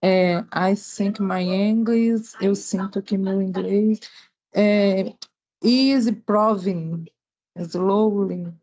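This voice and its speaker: A woman's voice: mid-range voice, fairly even intonation, very slow, dark tone, muffled recording. A woman student in an online class, hesitantly reading English sentences and translating them. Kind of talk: answering in class.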